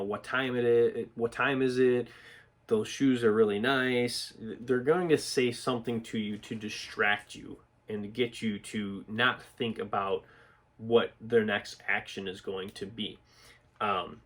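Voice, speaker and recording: A man's voice: fairly low pitch, fairly bright tone. A middle-aged man teaching self-defense to the camera in a plainspoken way, with many ums and you-knows. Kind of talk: instructional talk to camera.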